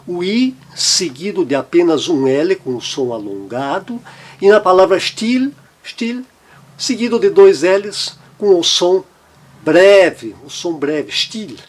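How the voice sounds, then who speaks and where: Guy teaching pronunciation, kinda husky, voice a bit on the high side, says example words over and over. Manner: explanatory, repeats example words slowly. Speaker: German language teacher. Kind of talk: pronunciation lesson.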